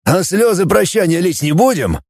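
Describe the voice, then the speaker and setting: Brief: man playing a practical engineer, brisk and matter-of-fact. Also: sits high, big pitch swings, a little mellow, no echo, clean studio sound, voice pushed up, full character voice. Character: practical male engineer, blunt.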